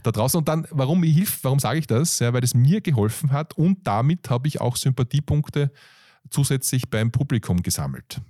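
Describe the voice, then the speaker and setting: A man with an Austrian accent, a coach and comedian, telling stories in an interview with lively laughs and many fillers. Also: medium pitch, brisk, no echo, studio quality. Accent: Austrian German. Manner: animated storytelling with frequent laughs and fillers. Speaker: guest, coach and stand-up comedian. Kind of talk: conversational interview.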